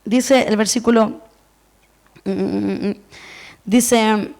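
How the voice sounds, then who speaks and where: A woman's voice: mid-range voice, fairly even intonation, drawn-out words, gravelly, darkish tone. A woman giving a sermon in an earnest, personal way, counting herself among her listeners. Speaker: preacher.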